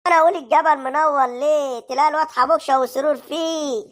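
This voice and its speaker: A woman plays a hearty, boastful old male neighborhood boss in a cartoon comedy. He has an Egyptian accent and a raised, lively voice, and he barks out orders quickly. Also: high voice, pitched above the performer's own voice, close to an everyday voice. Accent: Egyptian Arabic.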